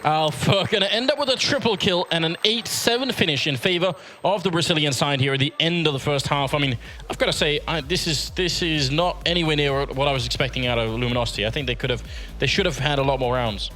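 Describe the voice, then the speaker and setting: A man's voice: a little high, quick pace, pushed and bright. A man casting esports, giving conversational analysis of the match.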